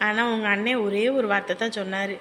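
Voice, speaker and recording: An actress playing a warm-hearted married aunt, talking earnestly. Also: female voice, medium pitch, little pitch movement, brisk, a little hiss or hum, lightly acted. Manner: earnest, consoling, talkative. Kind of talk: village family drama.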